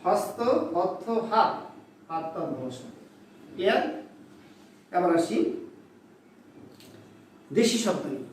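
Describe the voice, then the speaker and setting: Male teacher, high voice, slow deliberate word lists, booming echoey room with the mic set off at a distance. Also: lively intonation. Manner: slow, deliberate listing of example words. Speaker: Bangla grammar teacher. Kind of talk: classroom-style lecture. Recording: very echoey room, voice from off-mic, faint background noise.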